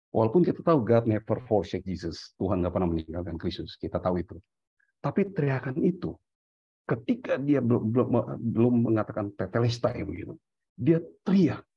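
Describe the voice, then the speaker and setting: A man's voice: fairly low pitch, slightly rough, dry recording, muffled recording. A man on a discussion panel, reasoning aloud through theology with many fillers, self-corrections and English terms mixed in.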